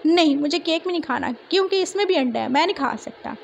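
A whiny, easily panicked young man, complaining in a high voice, as a woman narrator puts him on. Faint noise sits under the storybook reading. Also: lively intonation, fast talker, creaky, muffled recording.

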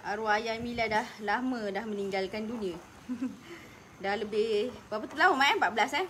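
Malaysian woman cooking vlog, high bright voice, chatty and teary, laughs a lot, faint noise. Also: moderate pace. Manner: talkative, laughs often, emotional storytelling. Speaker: cooking vlogger. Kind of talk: chatty cooking demo with personal stories. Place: home kitchen.

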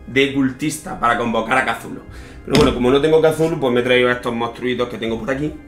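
A man in his thirties with an accent from Spain, hoarse with his voice giving out, casually hosting a family game vlog. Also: mid-range voice, fast, soft background music. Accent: Spain Spanish. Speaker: host of a family board game channel. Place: indoor room with game shelves. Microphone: microphones set on the table, at some distance. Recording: roomy, echoey sound from table mics.

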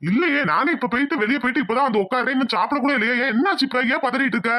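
A woman voicing a calm, patient middle-aged husband in a cartoon, soothing his worried wife. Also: high voice, rapid-fire.

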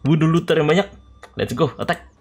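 A man giving excitable let's play commentary, shouting orders at his troops during battles. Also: fairly high pitch, fairly quick, breathy edge. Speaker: gaming YouTuber. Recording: game music behind the voice.

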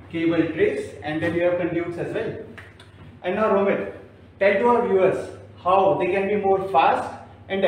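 A man's voice: high-pitched, darkish tone, a little hiss or hum. A man with an Indian English accent hosting a demo on a construction site, asking guiding questions and summing up. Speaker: show host. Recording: echoey site from a distance.

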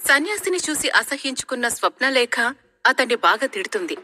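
A woman telling a scripted folk story in an expressive, dramatic way. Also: high voice, a little fast, a little hiss or hum.

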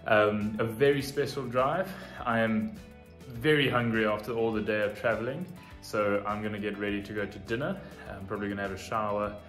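Man, lower-pitched voice, casual travel vlog, talking to camera, faint music behind. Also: steady tone, fairly quick, hardly any pauses, a bit bright. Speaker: travel vlogger.

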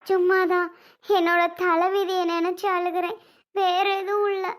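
A woman's voice: very high voice, flat delivery, a little slow. A woman voicing a heartbroken young woman who talks in a weepy, pleading, self-pitying way. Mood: tearful.

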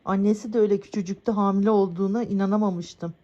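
A woman vlogging casually from a village house, calling and cooing to her cats in a high, excited voice and laughing often. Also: quick pace, dull audio.

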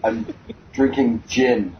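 A man co-hosting a show, bantering casually in a halting, rueful way on a lo-fi recording. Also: mid-range voice, huge pitch swings. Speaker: show co-host. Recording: dull lo-fi with faint background noise.

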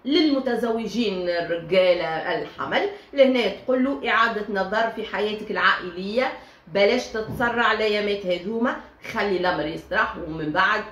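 A woman with a Tunisian accent giving a chatty tarot reading, talking straight to her listeners with many fillers. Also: mid-range voice. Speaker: tarot reader. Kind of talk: casual tarot reading monologue. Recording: echoey room with faint ambient noise.

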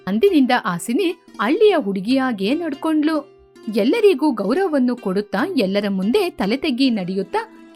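A woman narrating a scripted storybook tale in a steady, plain way. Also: high-pitched.

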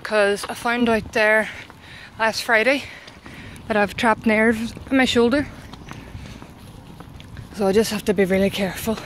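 A young woman with a slightly high voice vlogs from home and out around town, filming on a handheld camera. She chats breezily, coos at her baby and cats, and drops the odd swear word. A faint hum of noise runs underneath her voice. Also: steady tone, unhurried, long pauses, fairly bright tone. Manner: chatty, talks to her baby and pets, swears casually. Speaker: vlogger. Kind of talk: casual vlog chat.

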